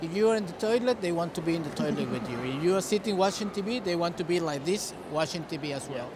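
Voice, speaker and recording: Talking quickly with lively intonation and a slightly high voice, a middle-aged native Spanish speaker from Costa Rica answers interview questions casually about breeding dogs. His Costa Rican accent comes through over background noise, as the big indoor show hall echoes with ambience and activity.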